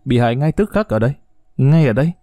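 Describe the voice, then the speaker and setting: A man's voice: medium pitch, expressive, fast talker, warm tone, no echo, studio quality, natural voice. A man voicing a bold young detective who presses with urgent questions in a storybook reading.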